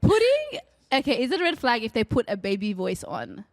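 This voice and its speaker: A woman's voice: fairly high pitch, brisk, dry recording, clean studio sound. A woman hosting a podcast in casual chat. She jokes along playfully with her guest. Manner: playful, animated interviewer who jokes along. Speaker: podcast host.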